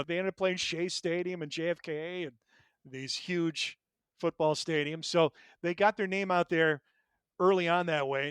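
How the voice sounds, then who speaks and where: A man's voice: fairly high pitch, clean tone, dry recording, clean studio sound. A man co-hosting a music podcast, talking casually and eagerly about bands and records. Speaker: podcast co-host.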